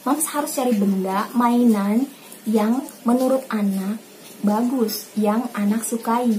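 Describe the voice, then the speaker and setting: A woman's voice: fairly high pitch, slow pace, a little hiss or hum. A young Indonesian mother hosting a home tutorial, speaking casually and repeating herself as she talks to viewers she calls Mams. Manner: warm, repetitive, addresses viewers as Mams. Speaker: parenting channel host, mother.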